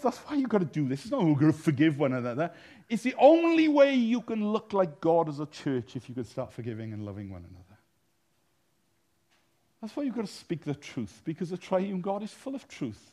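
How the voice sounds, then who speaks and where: A male minister preaching a sermon in a blunt, animated way, teasing his congregation and breaking into sudden loud bursts. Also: sits high.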